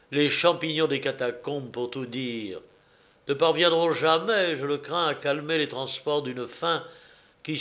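Brief: male narrator, unhurried, mid-pitched, careful literary audiobook delivery. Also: fairly bright tone. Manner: measured, precise storytelling. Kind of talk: audiobook reading of a novel.

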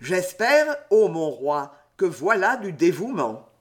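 A man voicing a proud, wounded count in a storybook reading, speaking in a hoarse voice. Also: high voice, big pitch swings, takes it slowly, fairly bright tone, exaggerated voice. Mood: ironic. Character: agitated wounded male count, proud courtier.

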